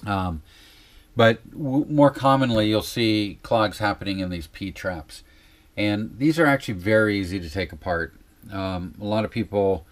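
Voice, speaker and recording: Male DIY vlogger, low voice, unscripted and rambling, hesitant explanations, recorded inside a small RV trailer. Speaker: vlog host giving RV upkeep tips. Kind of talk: casual unscripted how-to talk. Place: small RV interior.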